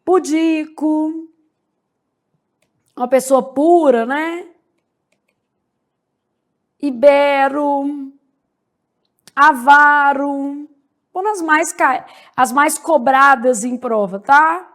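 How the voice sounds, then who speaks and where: Woman teaching grammar; high, slow delivery, checks in with her class after every point. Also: fairly bright tone. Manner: slow, spells out words syllable by syllable, frequent "né?" and "beleza?". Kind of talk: grammar lecture.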